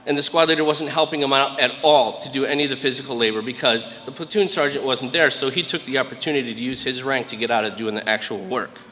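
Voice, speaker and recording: American man, late 30s, forceful bright voice, earnest commencement speaker, reverberant hall. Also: mid-range voice, quick pace, hardly any pauses. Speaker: guest graduation speaker, military master sergeant. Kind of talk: motivational commencement speech with storytelling. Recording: echoey hall, long reverb over PA.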